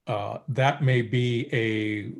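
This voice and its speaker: A man's voice: mid-range voice, steady tone, gravelly. Man speaking over a group video call. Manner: measured, with frequent filler pauses. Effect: heard over a group video call. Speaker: commission member. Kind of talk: remarks at a public meeting.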